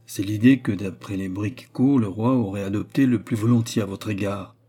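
A man reading aloud as a sly, calm abbé who speaks in a measured, cool way. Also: lowish voice, breathy edge. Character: sly, calm male abbé, coolly probing.

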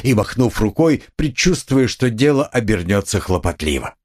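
A man narrating an audiobook in an expressive, dramatic way, recorded in a studio. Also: fairly low pitch, normal speed. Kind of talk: scripted narration.

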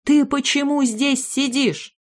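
A woman voicing a frantic mother who shouts and scolds in a high, shrill voice in an audiobook story. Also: lively intonation, normal speed, husky. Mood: scolding.

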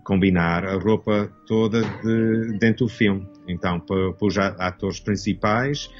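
A man's voice: lowish voice, steady tone, unhurried, dull audio, faint music behind. A Canadian-born man in his fifties, a costume designer speaking as an interview guest, hesitant and searching for words with many restarts. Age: 50s. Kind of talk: casual interview talk.

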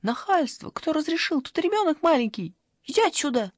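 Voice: normal speed, no echo, studio quality, natural voice. A reader voicing a fussy, clingy old grandmother in an audiobook, pleading and fussing in a raised voice. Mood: shrieking. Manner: pleading, fussing, high-pitched outbursts.

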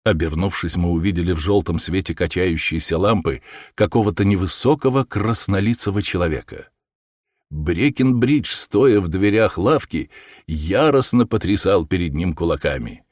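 Male narrator, expressive storytelling, lively intonation, low voice, dry close recording. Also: moderate pace, no echo. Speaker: audiobook reader. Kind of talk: scripted narration.

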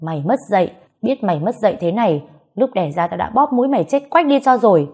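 A woman's voice: medium pitch, expressive, fast, mellow, close to an everyday voice. A woman voicing an abusive middle-aged mother who screams insults at her daughter in an audio story. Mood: furious shouting. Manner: screaming insults, harsh and scolding.

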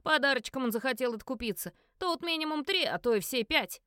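A woman's voice: high-pitched, expressive, brisk, bright, forceful tone, clear, resonant tone, no echo, studio quality, voice pushed up. A woman voicing a scrawny, ratlike male card cheat who speaks scornfully.

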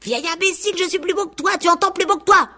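A woman's voice: sing-song, normal speed, a little mellow. A woman voicing a vain, boastful rooster in a radio play, sneering and insolent. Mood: furious. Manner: insolent and sneering, shrill when angry.

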